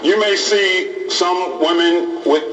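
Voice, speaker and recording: Imam addressing police recruits in a roomy hall. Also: male voice, high-pitched, fairly even intonation, slow pace, a bit bright. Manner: plain-spoken, repeats phrases for emphasis. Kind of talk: informal talk to police recruits. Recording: roomy hall audio from a distant mic.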